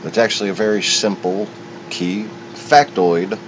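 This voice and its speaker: A solo commentator with a low voice rambles through an unscripted monologue, halting, digressing and voicing strong opinions. The recording sounds muffled beneath a loud, steady rumble.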